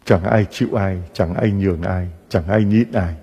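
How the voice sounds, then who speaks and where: Husky-voiced priest preaching in a reverberant church. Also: male voice, low-pitched, moderate pace. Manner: animated preaching with rhetorical questions to the congregation. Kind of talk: sermon.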